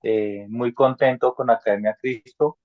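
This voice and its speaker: A man's voice: medium pitch, fairly even intonation, measured pace, dry recording. A man, new to the faith, introducing himself plainly with hesitant fillers on a video call. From Colombia. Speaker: new Bible student. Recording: tinny phone-like call audio.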